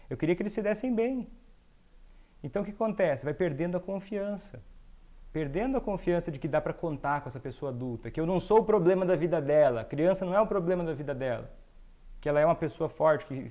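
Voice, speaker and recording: A Brazilian man hosting an educational monologue, explaining calmly and now and then acting out the voices of children and parents. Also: high voice. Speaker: host, doctor.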